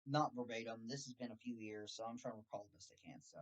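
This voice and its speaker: A man hosting his channel, telling a story about a scam call in a sarcastic, animated way. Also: medium pitch, fast. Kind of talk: casual storytelling monologue.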